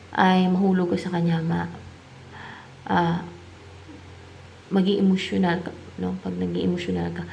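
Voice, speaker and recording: Filipino woman, tarot reading, slow unhurried delivery, slightly low voice, faint background noise. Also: gravelly, a little mellow. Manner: muses aloud, asking and answering her own questions; mixes English tarot terms into her talk. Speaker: tarot reader.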